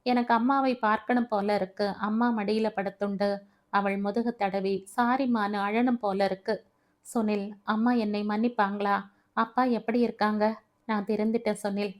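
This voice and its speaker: A woman's voice: medium pitch, fairly even intonation, normal speed, natural voice. A woman voicing a repentant young daughter. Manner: wistful, repentant confiding. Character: young pregnant woman, repentant daughter longing for her mother.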